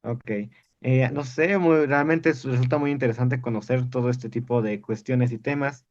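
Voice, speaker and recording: A man's voice: medium pitch, fairly even intonation, moderate pace, a little mellow, lo-fi sound. A man adding points in a casual podcast discussion, polite and repeating his phrases. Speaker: podcast participant.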